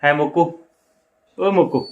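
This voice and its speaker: A man's voice: on the high side, normal speed, lo-fi sound. A man with a Punjabi accent chatting casually and teasingly in a family vlog. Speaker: family vlogger, husband and father.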